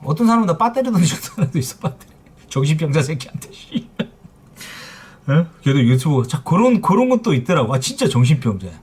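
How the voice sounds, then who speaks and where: A man's voice: on the high side, big pitch swings, brisk, a little mellow, breathy edge. A middle-aged man running a phone repair shop livestream, telling heated stories in a blunt, profane way. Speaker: phone repair shop owner streaming live. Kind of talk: casual livestream rant.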